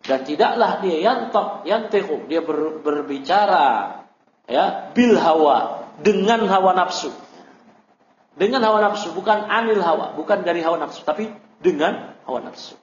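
A high-voiced man leads a classroom lecture on Arabic grammar, spelling out each term and then quizzing his students. He works through the material step by step. The recording is roomy and dull, with a faint hiss underneath. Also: expressive, measured pace. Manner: explains step by step, repeats terms, quizzes students. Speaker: Islamic teacher.

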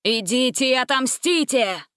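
A man's voice: very high voice, lively intonation, unhurried, bright, forceful tone, clean tone, dry recording, clean studio sound, voice pushed up, exaggerated voice. Woman voicing a scheming hooded wizard. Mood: commanding. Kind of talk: storybook reading.

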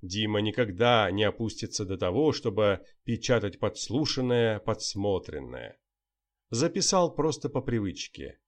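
A man narrating an audiobook in an even, unhurried manner. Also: fairly low pitch.

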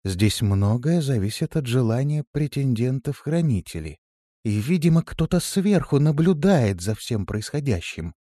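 A man's voice: medium pitch, sing-song, a little slow, warm tone, no echo, clean studio sound, pitched above the performer's own voice. A man reading an audiobook, voicing a bold young female demoness who speaks firmly and decisively. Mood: thoughtful. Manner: firm, decisive, thoughtful. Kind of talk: audiobook character voice.

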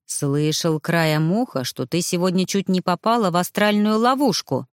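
A woman's voice: lowish voice, moderate pace, no room sound, clean studio sound, close to an everyday voice. A woman reading aloud voicing an old male ghost, a stern, instructive former mage. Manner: instructive, grim.

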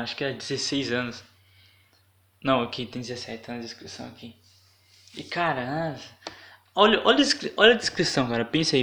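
A young man with a Brazilian accent rants alone into the mic for his podcast. He sounds indignant and profane, drifting through fillers and restarts. His voice sits at an ordinary middle pitch for a man. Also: a bit bright. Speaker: podcast host. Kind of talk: casual solo podcast rant.

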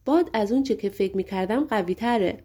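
A woman's voice: medium pitch, animated, dark tone, slightly rough. A woman voicing a blunt, hungry male giant in an audiobook fairy tale.

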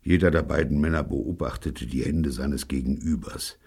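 A man's voice: extremely low pitch, steady tone, normal speed, gravelly, a little mellow, breathy edge. A man narrating an audiobook in a dry storytelling manner.

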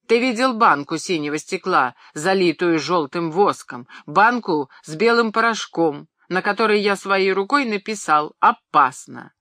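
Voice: mid-range voice, lively intonation, moderate pace, dry recording, studio quality. Narrator doing a ranting, pompous pharmacist. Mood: furious ranting. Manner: ranting, shouting in outrage. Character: pompous excitable middle-aged male pharmacist. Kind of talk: audiobook character reading.

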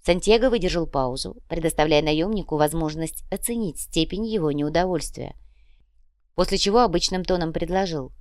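A woman reading an audiobook in a steady, dramatic manner. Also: deep voice, normal speed, no room sound, studio quality. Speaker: audiobook narrator. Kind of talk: scripted narration.

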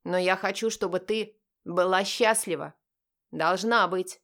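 A woman voicing a grown-up younger brother who talks in a slightly lower, steady, coaxing way. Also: measured pace. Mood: earnest.

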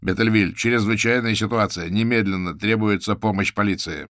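A man's voice: fairly low pitch, normal speed, a bit bright, no room sound, clean studio sound, natural voice. A man voicing an urgent adult police officer speaking in clipped phrases.

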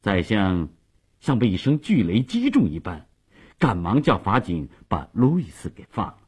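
A man telling a long story on radio with dramatic, lively delivery. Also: lowish voice, moderate pace, husky.

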